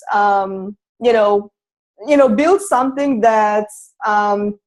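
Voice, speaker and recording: A young woman in her twenties speaks with a Russian accent as co-host of an online webinar. She is chatty and informal, leaning on fillers as she talks. Her voice sits a bit higher than the usual for a woman. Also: darkish tone, poor audio. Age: 20s. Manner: chatty, laughs often, many fillers. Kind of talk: casual webinar introduction.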